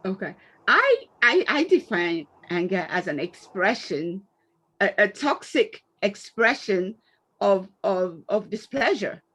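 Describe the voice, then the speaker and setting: A woman speaking on an online panel, answering a question in an animated storytelling way and acting out quoted exchanges. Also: mid-range voice, takes it slowly, husky.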